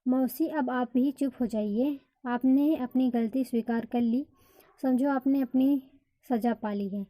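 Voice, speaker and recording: A woman voicing a gentle, forgiving young woman. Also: sits high, measured pace, poor audio.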